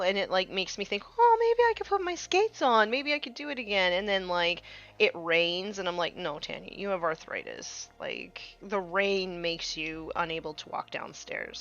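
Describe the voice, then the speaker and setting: Painting miniatures on a live stream, a woman in her thirties keeps up a casual chat in a fairly low-pitched, fairly bright voice over lo-fi sound. Her speech is thick with fillers, and now and then it fades to a murmur.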